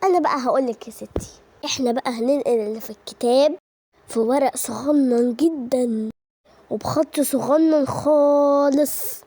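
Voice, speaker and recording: A woman's voice: sits high, mellow, dry recording, close to an everyday voice. A woman voicing a sly, scheming schoolgirl who talks conspiratorially, with an Egyptian accent. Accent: Egyptian Arabic. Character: scheming confident schoolgirl Samar.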